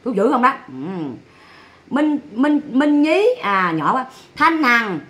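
A woman's voice: high-pitched, expressive, slow pace, a bit bright. A woman with a Southern Vietnamese accent, ranting sarcastically and bluntly on a livestream.

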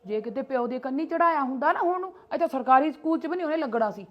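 ਇੱਕ ਔਰਤ ਆਪਣੇ ਪੁੱਤ ਦੀ ਰਾਖੀ ਕਰਨ ਵਾਲੀ ਤਿੱਖੀ ਜ਼ੁਬਾਨ ਵਾਲੀ ਭਾਬੀ ਦਾ ਕਿਰਦਾਰ ਨਿਭਾ ਰਹੀ ਹੈ, ਪੰਜਾਬੀ ਲਹਿਜੇ ਵਿੱਚ।. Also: female voice, sits high, animated, racing, dull audio. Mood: scornful. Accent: Punjabi. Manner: argumentative, scolding, defensive. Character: protective mother, sharp-tongued brother's wife. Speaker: sister-in-law. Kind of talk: homemade family skit.

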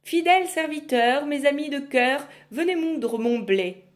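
A woman voicing a menacing old witch in a storybook reading, loud and growling. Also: fairly high pitch, animated, slow, pitched above the performer's own voice. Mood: gruff.

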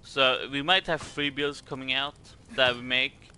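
Bright-voiced man with a Swedish accent. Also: mid-range voice, fairly even intonation, unhurried, a little hiss or hum. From Sweden. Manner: hesitant, rambling, repeats words. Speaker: gaming video creator. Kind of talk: casual game guide commentary.

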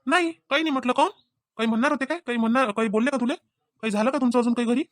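A woman voices a young cartoon husband, in a somewhat high voice. He talks fast, pleading and questioning. The sound is dry. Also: no echo, lightly acted. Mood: anxious. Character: young husband short of money.

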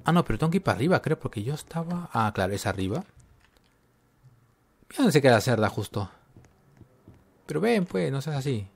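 A man's voice: mid-range voice, very animated, fairly quick, creaky, pauses often. A man giving casual gameplay commentary, talking to himself and getting jumpy and scared as he plays. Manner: jumpy, talks to himself while playing.

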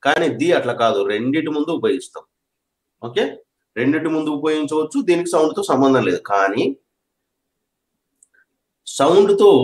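Man teaching grammar in an echoey room. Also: a little high. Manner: repeats points, checks understanding often. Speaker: English teacher. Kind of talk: classroom grammar lesson.

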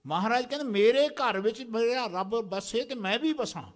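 A man's voice: very high voice, normal speed. A man preaching a sermon in a large temple prayer hall, exhorting the congregation and having them repeat lines after him. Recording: long hall reverb.

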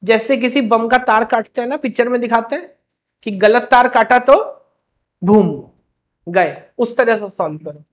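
Man teaching a lively quiz-style lecture. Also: very high-pitched. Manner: interactive, quizzing students with quick questions; playfully scolding, motivational. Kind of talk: live classroom lecture.

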